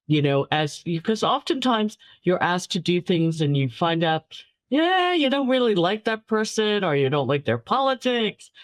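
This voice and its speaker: In relaxed interview talk, a low-voiced guest filmmaker from New York City, originally a Chinese speaker, shares stories warmly. She stresses points by repeating words and laughs lightly, with no room sound.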